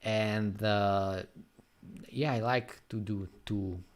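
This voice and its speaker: A man from Slovakia with a Slovak accent, chatting casually on a live stream and answering viewers' questions in a rambling, unhurried way. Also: lowish voice, steady tone. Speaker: graffiti artist live streamer.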